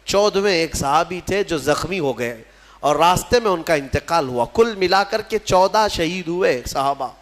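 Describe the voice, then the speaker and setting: A man preaching a sermon as a storyteller, impassioned and rising to loud declamation, slowing into chanted recitation. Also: on the high side, lively intonation. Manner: recites scripture in slow chant. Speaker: Islamic preacher.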